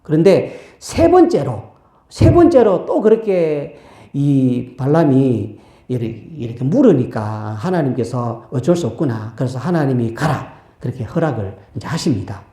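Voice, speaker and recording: Animated Korean pastor in an echoey church. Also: male voice, mid-range voice, moderate pace. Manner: animated, acts out the quotes in the story. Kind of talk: sermon storytelling.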